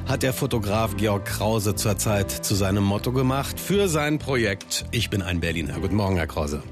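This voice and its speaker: A man's voice: on the low side, lively intonation, normal speed, over music. A man hosting a morning radio show, interviewing a guest in the studio in an upbeat, enthusiastic way. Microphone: studio microphone.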